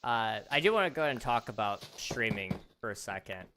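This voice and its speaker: Lively in intonation and fairly quick, a man with a lowish voice hosts a casual gaming livestream amid background noise. He rambles chattily with many fillers, and his voice turns slightly strained as he starts to lose it.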